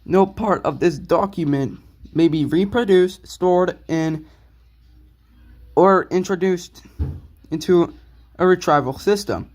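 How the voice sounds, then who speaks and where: A young man reads a manual aloud for his own video, in a fairly high voice. He stumbles, backs up and fixes his words. He drops casual asides between the passages. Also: slow, pauses often, darkish tone. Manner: stumbling, self-correcting reading.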